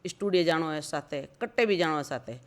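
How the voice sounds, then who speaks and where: A woman in her fifties with a Marwari accent and a smooth, resonant voice. She tells personal stories in an interview, plain-spoken and often repeating phrases for emphasis. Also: low voice, fast talker. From rural Rajasthan, India. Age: 50s. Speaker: interview guest.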